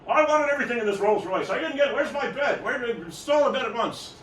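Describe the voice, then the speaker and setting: A man's voice: very high-pitched, expressive, quick pace, a bit bright, a little hiss or hum, voice pushed up. A man playing a pompous, imperious rich older man, in a stand-up bit at a party. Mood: furious. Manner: haughty, indignant. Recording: roomy distant party recording.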